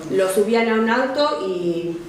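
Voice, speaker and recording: A woman with a Rioplatense accent, a hospital worker recounting her past in a measured, hesitant way. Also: mid-range voice, lively intonation. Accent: Rioplatense Spanish. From Argentina. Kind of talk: oral history recollection. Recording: very echoey room.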